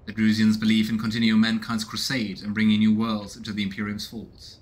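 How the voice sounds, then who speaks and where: Indoors in a small room at home, a man in his thirties streams a let's play, reading on-screen text aloud and musing with casual curiosity. He speaks a little fast in a lowish, monotone voice.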